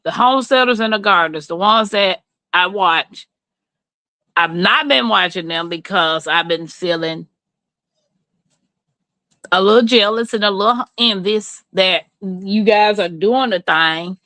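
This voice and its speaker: Speaking a little slowly in a mid-range voice that sounds pushed and bright, a Southern-accented livestream host talks folksily and openly with her viewers. She's middle-aged and from rural Mississippi, and the recording is dry.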